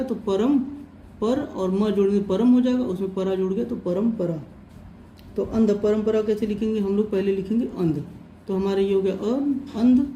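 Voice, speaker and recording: A man's voice: sits high, warm tone. A man teaching shorthand in a patient, step-by-step way, repeating each point and calling his listeners friends. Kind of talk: step-by-step tutorial explanation. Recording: roomy echo, faint background noise.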